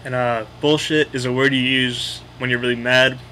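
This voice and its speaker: A man's voice: mid-range voice, flat delivery, normal speed, bright, forceful tone, slight background noise, rough recording. A man with a Boston accent casually explaining local slang in a blunt, opinionated, sweary way. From Boston area, United States.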